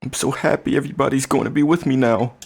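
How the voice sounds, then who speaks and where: A man voicing a small, cheerful girl in a game dub, squeaky and childlike. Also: fast, vocal fry, husky. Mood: happy.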